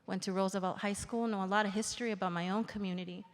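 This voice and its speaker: A woman's voice: mid-range voice, steady tone. A woman in her forties, originally from El Salvador, giving an earnest, reflective formal speech at a public event. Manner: earnest, reflective, slows for emphasis. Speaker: invited speaker. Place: large indoor theater. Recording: reverberant theater hall.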